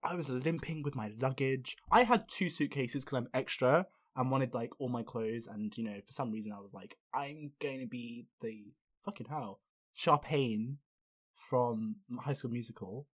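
A young man hosting a podcast, telling a story in casual chat, animated and swearing freely. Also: medium pitch, moderate pace. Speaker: podcast host.

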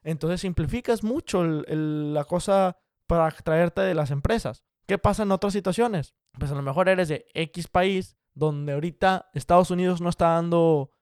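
A young man giving casual career advice straight to the viewer, direct, brisk and encouraging. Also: a little high, darkish tone, clear, resonant tone, no echo, studio quality. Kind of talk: casual explanatory talk to viewers.

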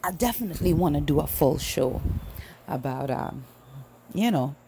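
Her deep voice is expressive with vocal fry, moving at normal speed as this Trinidadian woman in her late 30s chats to livestream viewers and tells stories. She's casual and familiar, often addressing the audience, over background music and a noisy background.

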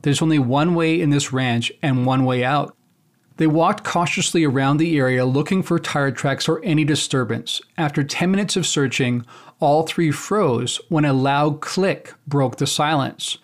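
A male host with a somewhat higher-than-usual voice reads a book passage aloud. His delivery is measured and deliberate, and he moves between the reading and his own comments in the same unhurried way.

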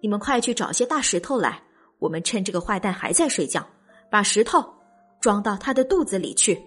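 A woman voicing a worried mother goat who speaks low and softly. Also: very animated, fairly quick, slightly rough, faint music behind. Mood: urgent. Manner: low, soft, cautioning.

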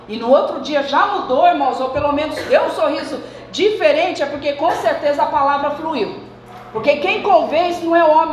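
A woman pastor delivers a sermon in a high voice. She preaches conversationally and keeps turning to her listeners. The recording is echoey, with a faint hum of ambience behind her. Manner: conversational preaching, addressing the congregation often. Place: church hall.

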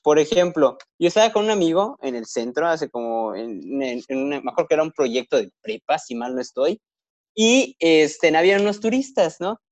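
A man's voice: fairly high pitch, moderate pace, no room sound. A young man from Yucatán with a Yucatecan Spanish accent, a guest telling stories in a casual podcast chat, acting out the people he quotes. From Yucatán, Mexico. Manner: animated storyteller, acts out quoted voices.

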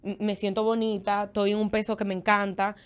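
A young adult woman with a Dominican Spanish accent, co-hosting a casual chat and telling candid, expressive stories. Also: mid-range voice, fairly quick, smooth. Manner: candid, expressive storytelling with lots of fillers. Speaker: podcast co-host.

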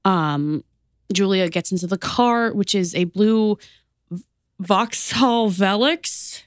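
A woman's voice: medium pitch, slow pace, clear, resonant tone, no echo, studio quality. An American woman co-hosting a true-crime podcast, telling the story in a casual, chatty way with many fillers. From United States. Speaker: podcast co-host.

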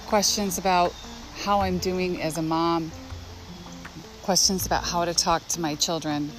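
A mother telling first-person parenting stories in a reflective, earnest and candid way. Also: fairly low pitch.

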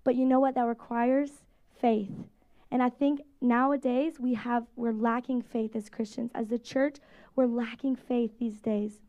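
High-voiced woman pastor preaching casually. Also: measured pace, narrow, tinny audio. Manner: conversational, animated preaching with quoted voices. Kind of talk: sermon.

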